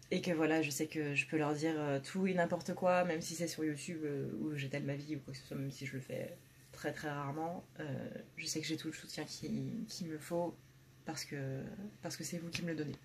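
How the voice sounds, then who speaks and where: A blunt woman gives a tarot reading for her channel, talking casually with many fillers and restarts. Her voice is low-pitched, with a little hiss or hum.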